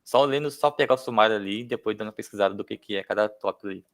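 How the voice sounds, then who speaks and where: A man's voice: lowish voice, very fast. A Brazilian man explaining technology informally in a seminar discussion. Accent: Brazilian Portuguese. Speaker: speaker.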